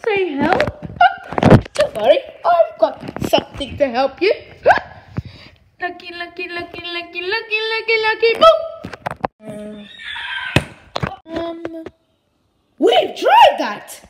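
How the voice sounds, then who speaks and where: A woman play-acting a toy show, voicing its characters in excitable bursts that jump from voice to voice. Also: very high-pitched, slow, pauses often, heavy background noise. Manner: excitable, jumps between voices. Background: background music.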